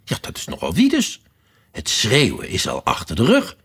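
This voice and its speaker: A man reading a storybook aloud and voicing a scatterbrained, fussy queen who talks in a breezy, sing-song way and breaks into shrill cries. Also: wildly swooping pitch, moderate pace, creaky, fairly bright tone, slightly rough, exaggerated voice. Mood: smug.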